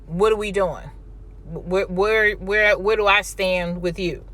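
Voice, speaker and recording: Slow-paced American woman giving candid advice. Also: mid-range voice, fairly even intonation, a bit bright. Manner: conversational, emphatic, addressing listeners directly. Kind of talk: casual candid monologue, personal stories and relationship advice.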